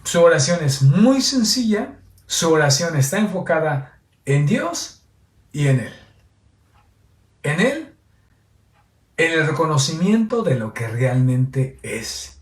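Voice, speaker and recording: A man's voice: on the high side, sing-song, slow pace, long pauses. A priest giving a homily on a Gospel reading in a teacherly way, often checking in with his listeners. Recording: echoey, voice heard from a distance.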